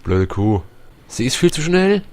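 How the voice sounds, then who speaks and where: A man's voice: mid-range voice, big pitch swings, measured pace, darkish tone. A young man commentating a video game, swearing and mocking the characters. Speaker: gaming YouTuber. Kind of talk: let's play commentary.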